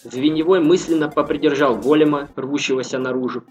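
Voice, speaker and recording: A man reading a novel aloud in a measured, even storytelling manner. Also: fairly high pitch, faint music behind. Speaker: audiobook narrator. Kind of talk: scripted narration.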